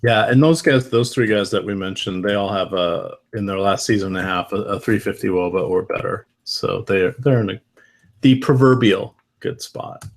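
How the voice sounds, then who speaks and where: Male co-host, lowish voice, halting and self-correcting, on a web call. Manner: hesitant, restarts phrases often. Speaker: co-host analyst. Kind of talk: fantasy baseball analysis chat. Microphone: online call.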